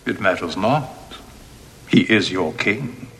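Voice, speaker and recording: A man playing a cruel, solemn royal inquisitor in a historical film, with slow theatrical villain menace. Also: low voice, lively intonation, gravelly, a bit bright, heavily acted. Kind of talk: historical film drama acting. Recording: long hall reverb.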